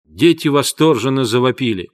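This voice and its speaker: A man narrating an audiobook in a calm, measured storytelling voice. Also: mid-range voice. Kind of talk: scripted narration.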